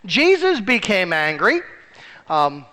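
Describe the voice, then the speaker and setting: A man's voice: sits high, huge pitch swings, takes it slowly, sharp tone. A man preaching a sermon as pastor, telling a joke story with acted voices and rising sharply for emphasis. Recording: reverberant church hall.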